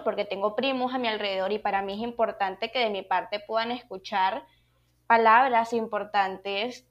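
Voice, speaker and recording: A woman's voice: on the high side, highs cut off. A woman hosting a podcast, thinking aloud as she talks through her ideas. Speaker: podcast host. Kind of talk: casual podcast conversation.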